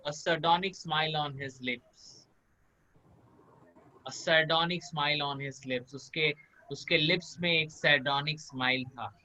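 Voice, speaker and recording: A man teaching vocabulary in a live online class, drilling pronunciation by slow repetition and calling on students by name. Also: on the high side, sharp tone, rough recording. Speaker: spoken English teacher. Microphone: video call.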